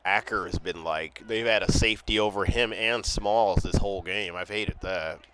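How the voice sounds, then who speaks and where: A man with a lowish voice calling out his own football game plays on a live stream. He swears freely and jumps from muttering strategy to yelling at the players on screen. The sound comes from a home desk setup. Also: normal speed, a little hiss or hum. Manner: profane, excitable, talks to himself while playing. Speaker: gaming streamer. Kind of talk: live gameplay commentary.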